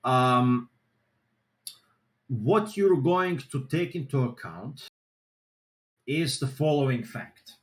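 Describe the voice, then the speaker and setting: A man's voice: medium pitch, lively intonation, slow pace, long pauses. A man running a seminar over a group voice chat connection. He explains in a loose, rambling way, packed with "you know" and restarts. His mid-range voice comes through with a roomy echo. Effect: group voice chat audio. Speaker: seminar presenter.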